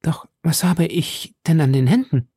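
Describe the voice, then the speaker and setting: A man voicing a cunning young noblewoman on the run, speaking high, breathy and fervent. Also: measured pace, dark tone, no room sound, clean studio sound. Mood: plaintive.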